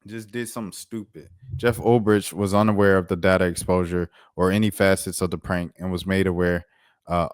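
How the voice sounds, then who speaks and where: With a low-sitting voice and a flat delivery, an American man hosting a sports show rants casually and a little fast, opinionated, slangy and incredulous, hammering points by repeating them. His tone is clear and resonant, captured in studio quality with no echo.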